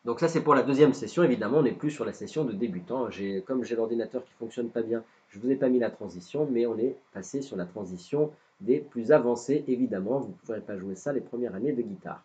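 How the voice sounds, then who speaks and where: A man's voice: medium pitch, quick pace, hardly any pauses, darkish tone, muffled recording. A man with a non-native French accent teaching a live guitar lesson, hesitant and self-deprecating with many fillers. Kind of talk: live-streamed music lesson.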